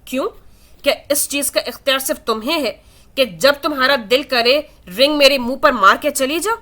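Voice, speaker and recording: A stern, angry young man in a read-aloud romance, harsh and clipped, with a sarcastic edge, as a woman reader voices him. The voice sits fairly high and bright. It is delivered as plain storybook reading.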